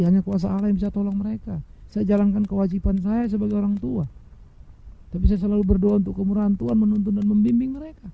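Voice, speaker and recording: A man preaching a sermon, addressing his listeners directly, swinging between loud emphatic highs and soft, hushed lows and acting out quoted speakers. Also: vocal fry, no echo, phone-quality sound. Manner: mimics imagined speakers in quoted asides. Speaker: pastor.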